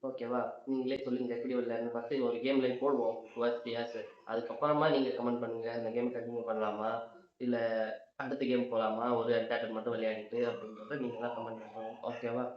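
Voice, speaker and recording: A man's voice: medium pitch, little pitch movement, a little fast. A man vlogger talking casually and a bit ramblingly to his viewers, asking them to comment. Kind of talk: casual vlog chat to viewers. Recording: roomy, slightly dull sound.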